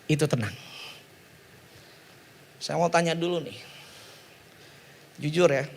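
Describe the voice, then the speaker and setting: A man preaching a sermon in a lively, joking way, calling on the congregation to repeat words after him. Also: on the high side, slow, gravelly, slight background noise. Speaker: pastor.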